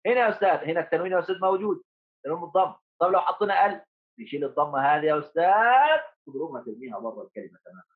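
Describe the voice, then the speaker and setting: A male primary school teacher gives a remote lesson to children in a high, very animated, rapid-fire voice, coaxing his pupils and calling them heroes. He repeats key points and asks and answers his own questions. The audio is narrow and tinny.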